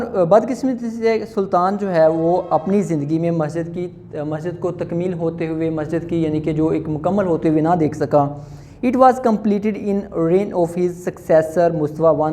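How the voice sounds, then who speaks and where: A man teaching English, reading slowly and explaining at length with many fillers. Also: on the high side, mellow. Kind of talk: classroom lesson, reading English and explaining in Urdu.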